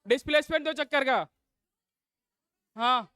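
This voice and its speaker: A man's voice: very high-pitched, unhurried, pushed and bright, no echo. A man teaching a live class. He fires call-and-response questions at his students and scolds the noisy ones.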